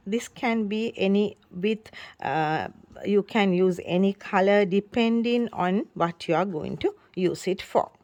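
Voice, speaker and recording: A woman's voice: medium pitch, a little mellow. A woman with a Sri Lankan accent, a native Sinhala speaker, giving an informal step-by-step tutorial with simple, repeated phrasing. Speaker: craft tutorial host. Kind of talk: informal instructional demonstration.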